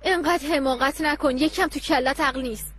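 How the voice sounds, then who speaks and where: A woman's voice: high-pitched, fairly bright tone, slight background noise. A scolding teenage girl. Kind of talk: dubbed television drama.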